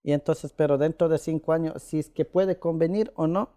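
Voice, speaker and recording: Soft-toned man. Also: a little high, steady tone. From Ecuador. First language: Quichua. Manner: halting, with many pauses and "eh" fillers. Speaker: interviewee. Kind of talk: casual conversation.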